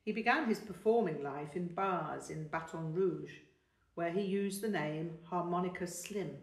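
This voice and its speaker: A woman reading the part of a patient older man who teaches music, explaining carefully and encouraging his young pupil. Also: lowish voice. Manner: measured, explanatory, gently encouraging. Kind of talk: audiobook character voice. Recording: roomy, distant mic.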